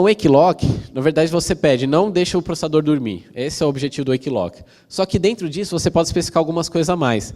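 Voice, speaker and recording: A man's voice: a little high, dark tone. Brazilian man speaking in an echoing hall. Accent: Brazilian Portuguese. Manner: explanatory, casual, frequent fillers and tag questions. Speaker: conference speaker. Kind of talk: technical conference talk. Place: large conference hall. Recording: long hall reverb.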